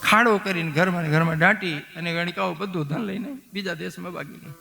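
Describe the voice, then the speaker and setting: A man with a Gujarati accent giving a devotional scripture discourse at a live gathering, storytelling with acted dialogue, soft music behind. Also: high-pitched, fairly quick, vocal fry. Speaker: kathakar preacher.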